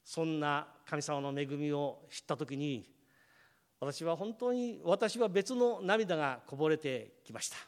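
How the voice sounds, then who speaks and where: A man's voice: fairly high pitch, measured pace. A man preaching a sermon as pastor, telling a family story and acting out the voices of his family before addressing the congregation directly. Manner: storytelling, acts out family members' words. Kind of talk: sermon with personal anecdote.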